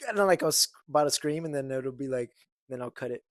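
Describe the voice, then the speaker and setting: A man's voice: medium pitch, fast, a little hiss or hum. A young man co-hosting a podcast, rambling casually with many restarts. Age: young adult. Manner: rambling, full of fillers and restarts. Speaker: podcast co-host. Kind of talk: casual chat.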